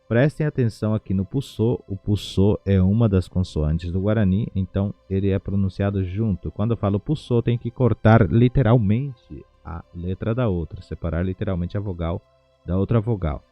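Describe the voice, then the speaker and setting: A man with a low voice leads an online language lesson from his home, repeating words slowly and splitting them into syllables. The recording is dull and lo-fi, dry and close to the mic. Faint music sits in the background. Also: no room sound. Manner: slow, syllable-by-syllable pronunciation drills. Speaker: language teacher. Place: home without a studio.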